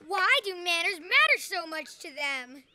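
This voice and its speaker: A woman's voice: very high voice, sing-song, unhurried, heavy background noise, full character voice. A woman voicing a brash young girl in a children's cartoon who is blunt and rowdy but learning to be polite. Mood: indignant. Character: brash girl, quick-tempered then sheepish.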